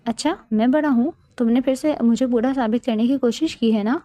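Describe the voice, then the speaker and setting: A woman's voice: fairly high pitch, warm tone, no room sound, close to an everyday voice. A woman voicing a possessive, teasing young Pathan husband in a storybook romance, with an intense, playful manner.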